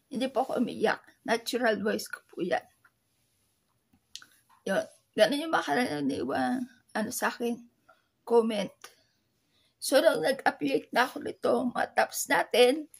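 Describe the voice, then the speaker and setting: Woman online seller, soft teary-sounding voice, slightly high and breathy, halting casual delivery. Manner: slow, halting, with many fillers. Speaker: online seller sharing tips. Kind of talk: casual vlog talk.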